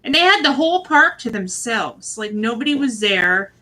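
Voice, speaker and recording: A woman's voice: fairly high pitch, very animated, normal speed, bright, forceful tone, rough recording. A woman from Michigan giving a chatty, rambling recap of a reality show, full of fillers and asides. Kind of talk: casual spoken recap. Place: at home with her husband nearby.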